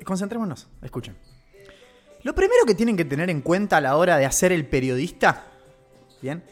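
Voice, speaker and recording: Rambling Rioplatense Argentine streamer. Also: male voice, a little high, a bit bright. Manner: rambling, joking, self-interrupting slangy talk. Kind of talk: comedic live-stream monologue. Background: faint background music.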